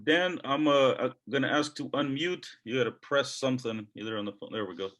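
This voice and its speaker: A man's voice: medium pitch, a little fast, fairly bright tone. Man hosting a call. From Ukraine. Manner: friendly, laughs easily, guides turns. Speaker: host of the video meeting. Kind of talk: casual chat. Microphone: video call.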